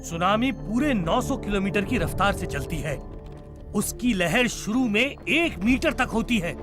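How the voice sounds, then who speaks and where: A man dubbing a scientist who gives orders calmly under pressure, speaking in Hindi. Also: high-pitched, a little slow, music in the background. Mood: explaining. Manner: authoritative, giving orders. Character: commanding male scientist, calm under pressure. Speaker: scientist in a disaster film. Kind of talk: Hindi film dub.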